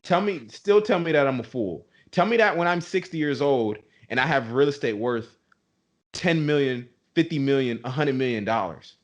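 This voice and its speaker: A man's voice: medium pitch, expressive, normal speed, dull audio. A young man co-hosting a podcast, ranting with heavy emphasis and calling listeners "bro". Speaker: podcast co-host. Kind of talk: passionate podcast rant.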